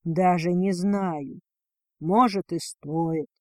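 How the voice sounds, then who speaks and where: A woman reading a storybook, voicing a strong, tender male dragon husband in a husky, breathy murmur. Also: on the low side, slow pace, warm tone, no room sound, voice pushed down.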